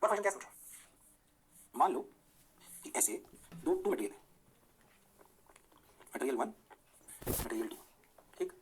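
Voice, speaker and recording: A man teaching physics in a classroom lecture, constantly checking whether his students follow and slowing down to dictate definitions in English. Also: sits high, huge pitch swings, vocal fry, slightly rough. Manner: rhyming rapid-fire praise words.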